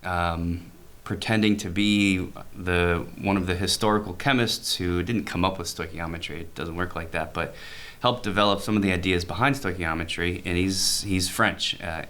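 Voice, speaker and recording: A man's voice: sits low, steady tone, moderate pace, fairly bright tone. A man co-hosting an education podcast in casual chat, rambling and restarting as he explains ideas. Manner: rambling, self-correcting, laughs easily. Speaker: podcast co-host, teacher.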